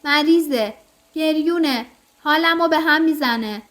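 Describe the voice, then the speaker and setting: A woman reading the part of a harsh, angry young husband in an audio story, contemptuous and shouting. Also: high voice.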